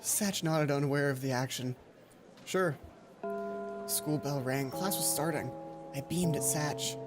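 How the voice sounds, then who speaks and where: Over game music, a man with a slightly high, unhurried voice does a let's play, reading visual novel narration expressively and dropping in casual commentary.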